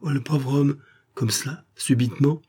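A man's voice: mid-range voice, steady tone, normal speed, warm tone, breathy edge, pitched above the performer's own voice, natural voice. A man voicing a distraught young woman who pleads anxiously for help finding her missing father. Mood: pleading, distressed.

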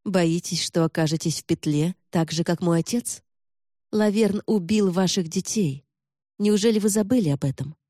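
A man reading an audiobook and voicing a defiant young noblewoman heroine who fires sharp, accusing questions. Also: high voice, moderate pace, no echo, studio quality.

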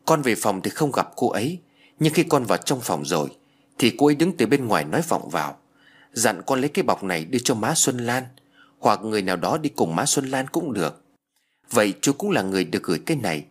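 A man reading a ghost story and voicing a frightened, clingy little girl with high, pleading cries. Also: very animated, a little fast, slightly rough. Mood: earnest.

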